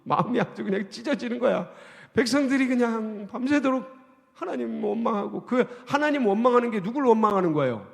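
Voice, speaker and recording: A man preaching a midweek sermon as a pastor, swinging from loud high bursts to low, soft asides. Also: brisk, creaky. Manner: lively, jumps high in pitch for quoted grumbling and drops low and soft for asides. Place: church sanctuary. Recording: church hall with long reverb.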